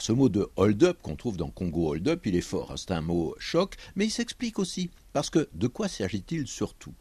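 A man explaining a word's meaning and origin on radio, in a conversational, lively explanatory way with small asides. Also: on the low side, breathy edge, dry recording. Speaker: language columnist.

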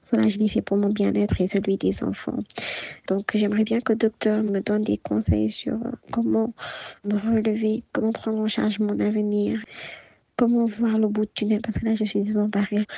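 Appelante de trente ans, voix déformée par un modificateur, voilée et monocorde. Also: female voice, mid-range voice, vocal fry, mellow, husky, no echo. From Ivory Coast. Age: 30s. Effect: voice changer disguising the voice for anonymity. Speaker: caller leaving a voice message. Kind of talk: recorded voice message.

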